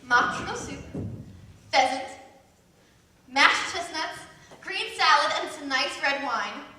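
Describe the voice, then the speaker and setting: An actress playing a confident, commanding milliner who orders everyone about in a live stage play. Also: female voice, sits high, pushed and bright, exaggerated voice. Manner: commanding, brisk. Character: confident bossy woman milliner, fond of fine living. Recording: echoey hall, taped from far off.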